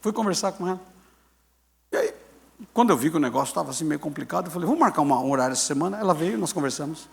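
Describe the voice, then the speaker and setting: A man in his sixties, a pastor, recounts a story from the pulpit and brings it to life by voicing each person in it. He speaks in a high-leaning, creaky voice at a racing pace.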